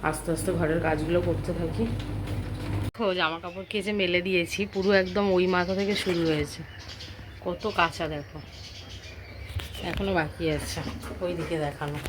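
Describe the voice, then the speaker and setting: A woman's voice: fairly low pitch, fairly even intonation, normal speed, long pauses. A woman narrating a casual home vlog about her chores, chatting to her pet dog in a doting sing-song. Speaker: vlogger. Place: home, indoors. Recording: noisy home phone recording.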